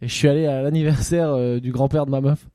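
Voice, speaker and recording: A man's voice: medium pitch, steady tone, fast talker, warm tone, no room sound, clean studio sound. A man co-hosting a podcast, telling stories and teasing his friends in casual banter. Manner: joking, teasing, storytelling. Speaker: podcast co-host.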